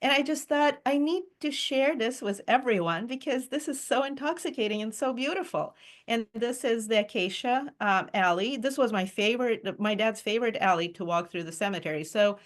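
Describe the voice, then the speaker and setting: Speaking at normal speed in a voice on the high side, a woman runs a reading group on a Zoom call. Her casual video call presentation is chatty and eager, sprinkled with ums and little laughs.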